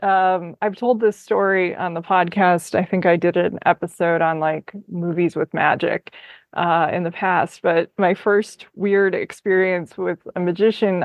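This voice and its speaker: A woman's voice: fairly low pitch, no room sound, lo-fi sound. A woman hosting a podcast, chatting casually and telling a story with frequent laughs. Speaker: podcast host. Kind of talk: casual conversation.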